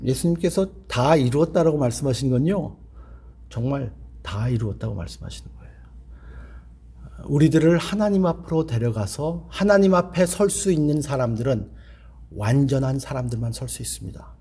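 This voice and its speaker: A man's voice: mid-range voice, lively intonation, moderate pace, dark tone, husky. A middle-aged male pastor preaching a revival sermon in a church, telling a story earnestly and acting out the dialogue.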